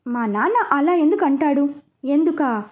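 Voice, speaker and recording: A woman's voice: high voice, expressive, moderate pace. A woman voicing a devoted, teasing young woman in love, who speaks in a playful, affectionate way. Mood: tender.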